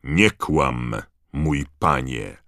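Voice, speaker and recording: A man voicing a cold, rough-voiced, furious male official in an audiobook, barking accusations. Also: rumbling low, slow pace, fairly bright tone, dry recording, clean studio sound, full character voice. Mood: cold, accusing. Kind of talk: audiobook character voice.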